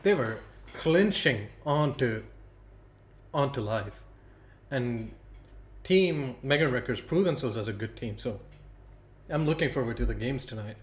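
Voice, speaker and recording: A man's voice: medium pitch, lively intonation, unhurried, long pauses. Chatty young man casting a student esports stream. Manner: chatty, self-deprecating, thinks aloud. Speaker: esports caster. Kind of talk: solo livestream commentary.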